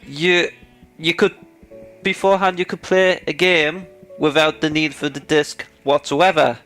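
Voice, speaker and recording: A man's voice: on the high side, steady tone, a little slow, fairly bright tone, soft background music. A man co-hosting a casual gaming chat show, ranting sarcastically and getting worked up about his topic. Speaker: podcast co-host.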